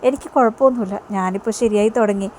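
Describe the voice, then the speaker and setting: A woman's voice: mid-range voice, very fast, darkish tone, a little hiss or hum, close to an everyday voice. Brief: woman reading a sneaky fake-sorry villain from a soap retelling. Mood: evasive. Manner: evasive, falsely sorrowful. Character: sly villainous man feigning injury.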